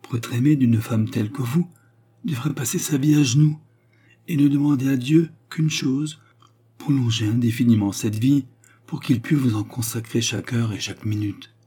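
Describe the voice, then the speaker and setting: A man voicing a noble count and gallant seducer who speaks softly, earnestly and courteously in an audiobook. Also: lowish voice, moderate pace, husky. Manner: soft, earnest, courtly speech. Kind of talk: audiobook character reading.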